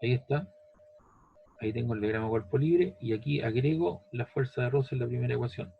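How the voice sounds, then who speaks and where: A man's voice: medium pitch, fairly quick, gravelly, narrow, tinny audio, slight background noise. A man teaching a physics lesson step by step, patient, repeating each step and checking that the student follows. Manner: patient, repeats steps, asks "¿ves?" and "¿cierto?".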